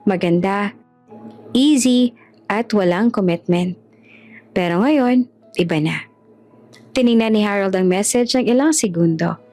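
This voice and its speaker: A woman telling a romance story as scripted narration, steady and even. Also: mid-range voice, a little slow, long pauses, soft background music.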